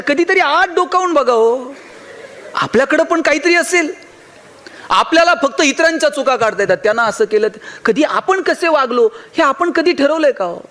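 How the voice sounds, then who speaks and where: A man's voice: extremely high pitch, fairly bright tone. A man giving a motivational speech in a Marathi accent, telling humorous stories and acting out the dialogue. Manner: storytelling with acted dialogue and humor. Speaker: motivational speaker.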